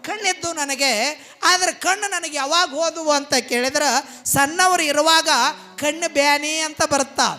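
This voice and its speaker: A man's voice: very high voice, pushed and bright. A man with a North Karnataka Kannada accent preaching a devotional sermon. He tells the story with passion and emphasis, acting out the people he quotes. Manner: impassioned, emphatic, retells scenes with quoted voices.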